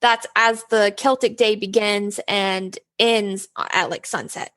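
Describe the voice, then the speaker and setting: A woman's voice: medium pitch, fairly even intonation, slow pace, a bit bright. A woman co-hosting a casual podcast who giggles often and fills in with "mm-hmm" backchannels while she talks through her notes. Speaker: podcast co-host. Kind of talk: casual chat.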